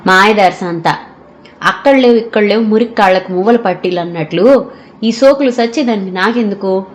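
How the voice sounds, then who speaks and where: A woman's voice: mid-range voice, a little fast, lightly acted. A woman doing a cranky old mother-in-law, scolds and grumbles all the time, audio story. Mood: grumbling.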